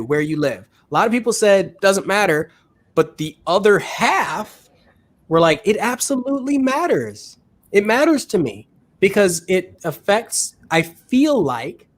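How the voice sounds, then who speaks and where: A man talking casually as a realtor and podcast host, thinking aloud with restarts. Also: fairly high pitch. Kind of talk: casual panel talk.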